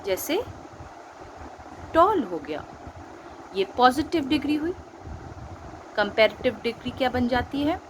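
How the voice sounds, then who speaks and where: A woman's voice: high voice, very animated, measured pace, pauses often, slight background noise, rough recording. A woman teacher with an Indian accent patiently explaining grammar, mixing Hindi and English and quizzing her pupils with questions. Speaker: school teacher. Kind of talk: recorded online grammar lesson.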